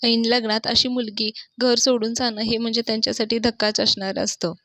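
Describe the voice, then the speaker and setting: A woman's voice: on the high side, little pitch movement, brisk, fairly bright tone, no echo. A woman reviewing a TV serial episode, retelling the plot and quoting the characters' lines in her own plain voice, with hesitant restarts.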